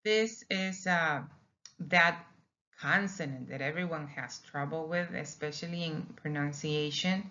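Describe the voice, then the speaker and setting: Slow, patient woman. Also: low voice, pushed and bright, muffled recording. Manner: patient, repeats words and sounds slowly for learners. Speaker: Spanish teacher. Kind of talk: slow classroom lesson narration over slides.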